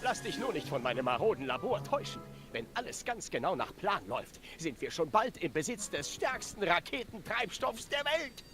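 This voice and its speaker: A man's voice: high-pitched, big pitch swings, a bit bright, soft background music, heavily acted. An actor playing an earnest young male inventor in a dubbed video game, rattling off technical jargon. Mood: explaining. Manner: explains science in rapid technical jargon.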